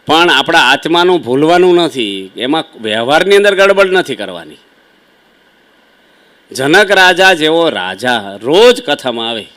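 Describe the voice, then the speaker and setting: ગુજરાતી ઉચ્ચારવાળા એક પુરુષ સ્વામી, ઘરગથ્થુ વાતચીતની શૈલીમાં શ્રોતાઓને સંબોધીને ભક્તિભાવભર્યું પ્રવચન આપે છે. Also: male voice, on the high side, very animated, a little slow, sharp tone. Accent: Gujarati. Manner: conversational, folksy storytelling with asides to listeners. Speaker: swami preacher. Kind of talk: devotional sermon storytelling.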